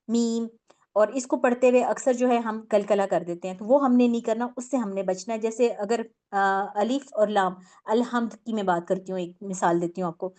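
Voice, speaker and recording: A woman's voice: on the high side, a little mellow. A woman teaching a tajweed lesson on Quran recitation, explaining patiently step by step with many fillers and English words mixed in.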